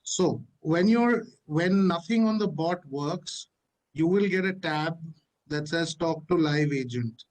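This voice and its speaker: A man presenting a platform walkthrough on a video call, halting, with many fillers and restarts. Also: a little high, a little mellow, poor audio. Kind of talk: live webinar walkthrough.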